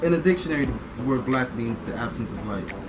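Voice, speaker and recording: A man's voice: medium pitch, expressive, quick pace, background noise. A middle-aged man from Liberia, answering interview questions in an earnest, opinionated way, with many fillers and restarts. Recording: loud music behind.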